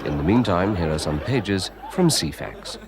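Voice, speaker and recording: Low-voiced formal TV continuity announcer. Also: male voice, expressive, normal speed, over a noisy crowd. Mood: formally apologetic. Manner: formal, apologetic. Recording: TV broadcast with loud music, audience.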